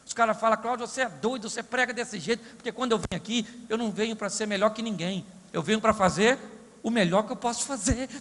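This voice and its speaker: A man preaching a sermon as pastor, comic and animated, asking the crowd rhetorical questions. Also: extremely high pitch, in a large hall. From Brazil.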